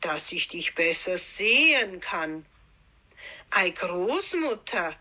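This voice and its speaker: A woman's voice: on the low side, big pitch swings, slow pace, pushed and bright, breathy edge, heavily acted. A woman voicing a sly, greedy male wolf in a fairy tale who talks in a falsely friendly, coaxing way. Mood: menacing.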